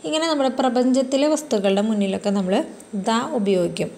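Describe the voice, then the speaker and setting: This is a woman leading a grammar class for exam students. Her voice sits a little high, and she moves patiently through each point, piling up examples and checking in often with tag questions. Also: expressive, quick pace, warm tone. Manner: patient, explains step by step with many examples; frequent fillers and tag questions. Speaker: exam coaching teacher. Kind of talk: English grammar lesson explained in Malayalam.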